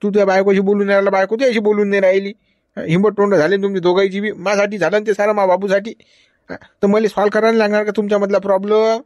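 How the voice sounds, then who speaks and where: A man lectures and chides in comic village banter, tossing in "hm?" to prod his listener. His voice sits a little high. The sound is dry and close. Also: little pitch movement, racing, no echo. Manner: lecturing, chiding, with frequent "hm?" prompts. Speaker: cartoon character voice.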